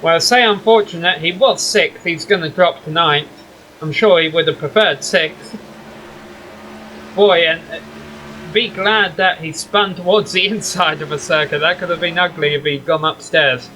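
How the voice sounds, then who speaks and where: Male sim racing play-by-play man, high and bright, chatty with wry asides. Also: normal speed, a little hiss or hum, poor audio. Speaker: race commentator.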